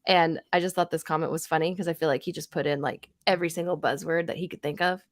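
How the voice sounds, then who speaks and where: A woman's voice: low voice, steady tone, quick pace, no echo, studio quality. A woman co-hosting a podcast, chatting casually and reading hostile comments aloud in mocking voices. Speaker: podcast co-host.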